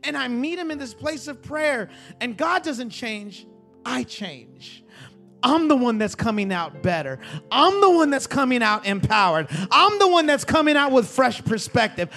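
A man in his forties, a pastor preaching a sermon in a repeating, rising cadence that climbs toward shouting. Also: extremely high pitch. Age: 40s. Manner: builds to near-shouting, repetitive preaching cadence.

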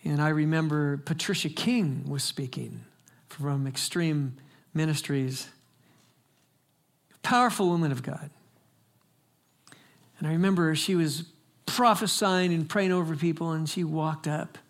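An older pastor preaches a sermon with a slightly higher-than-usual pitch. He tells his story emphatically and dramatically, pushing loud and then dropping soft, speeding up and then slowing down. He delivers it to a church congregation. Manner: emphatic, dramatic storytelling with big swings in volume and pace.

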